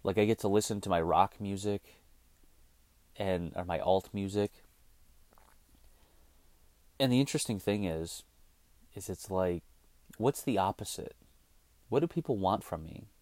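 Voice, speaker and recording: Unhurried and prone to frequent pauses, a man in his thirties speaks in a low-pitched, darkish voice with no echo. He hosts his own show, delivering a casual monologue as a blunt, cursing rant.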